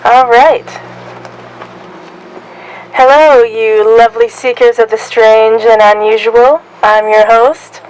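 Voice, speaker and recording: A woman's voice: a little high, darkish tone, rough recording. A woman hosting a casual paranormal podcast, presenting in a playful, showy way. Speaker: podcast host.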